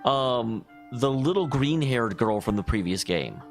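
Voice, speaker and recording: Man with lively, swooping gaming commentary. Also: medium pitch, measured pace. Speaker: let's play host. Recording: faint game music behind.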